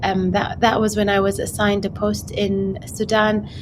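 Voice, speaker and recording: Hesitant aid worker from Yemen. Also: female voice, mid-range voice, level tone, unhurried, background noise. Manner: hesitant, with many fillers and restarts. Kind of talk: reflective recounting.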